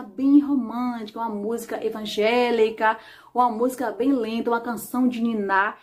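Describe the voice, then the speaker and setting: A woman with a Brazilian Portuguese accent, a mother hosting a casual parenting advice vlog in a calm, gentle, advising way. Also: fairly high pitch. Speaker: mother and channel host.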